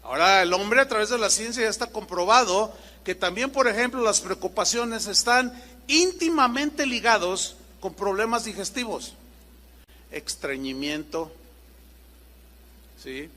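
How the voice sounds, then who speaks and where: Animated high-voiced man preaching. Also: unhurried. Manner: lively, acts out little dialogues, rhetorical questions. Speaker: pastor. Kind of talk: sermon. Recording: reverberant church hall.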